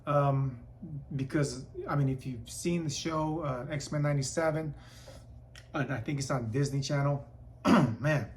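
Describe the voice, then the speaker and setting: A hoarse man who keeps clearing his throat, chatting casually and rambling as a comic book vlogger. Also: medium pitch, fairly even intonation, normal speed, slight background noise. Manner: rambling, repeats and restarts words. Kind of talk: casual vlog chat.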